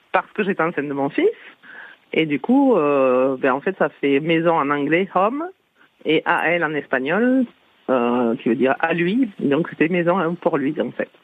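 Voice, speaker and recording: A woman's voice: low voice, big pitch swings, moderate pace, dry recording. A woman from Toulouse with a southern Toulouse accent, calling in to a radio show, chatty and giggling as she explains at length. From Toulouse, France. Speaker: caller. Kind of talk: phone-in chat. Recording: tinny phone line.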